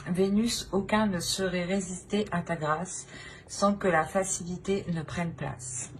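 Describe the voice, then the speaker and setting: She speaks slowly, at a fairly low pitch and with fairly even intonation, against slight background noise. As the channel's tarot reader, she delivers an unscripted reading, hesitating, searching for words, and frequently rewording things.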